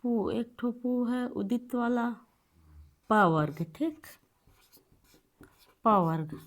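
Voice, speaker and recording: A woman's voice: a little high, animated, drawn-out words. A woman teaching Sanskrit sounds, reciting and repeating terms while writing on the board.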